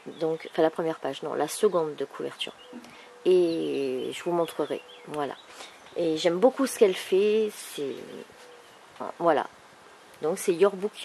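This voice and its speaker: A woman with a thick, swollen-tonsils sore-throat voice, speaking softly and casually as she presents a craft project. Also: fairly low pitch. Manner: soft-spoken, holding back volume. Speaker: craft video maker presenting an album. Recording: clearly noisy background ambience.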